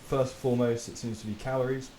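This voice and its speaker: Here the same trainer-turned-podcaster talks fast in a mid-range voice, keeping things loose and conversational. Laughter comes readily, along with the occasional curse word. There's steady hiss and a roomy quality to the sound.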